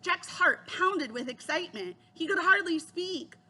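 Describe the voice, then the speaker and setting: A woman reading a children's chapter book aloud, giving the children's lines a higher voice. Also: expressive, measured pace, pushed and bright. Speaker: reader.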